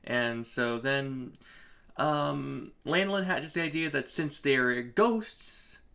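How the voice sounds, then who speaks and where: A man with a middle-pitched voice recaps a comic in casual review chat. He talks in a halting way, full of restarts, with a wry edge. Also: gravelly, sharp tone. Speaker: podcast co-host.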